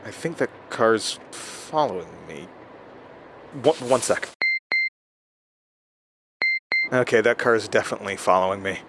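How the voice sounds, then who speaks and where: An audio drama actor voices a paranoid, shaken man who doubts himself, stammering and stopping as he records a journal to himself. The lowish voice is backed by constant noise that sounds like a moving car.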